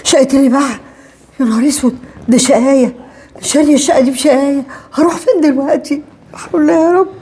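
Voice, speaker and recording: An actress playing an older Egyptian mother who lament in shock and repeats herself, with a husky voice. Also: sits high, racing, dark tone, close to an everyday voice. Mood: distraught. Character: distraught older mother, betrayed and homeless. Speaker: mother evicted by her son. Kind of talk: web drama acting.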